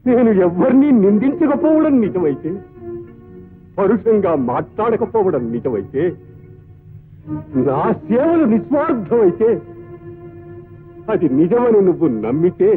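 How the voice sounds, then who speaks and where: A man's voice: high-pitched, sing-song, unhurried, pauses often. An actor playing a devoted male servant who pleads passionately with his god after being wronged. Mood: anguished plea. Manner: impassioned, rising, pleading speech to his god. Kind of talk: Telugu film dialogue. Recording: tinny lo-fi film audio with music.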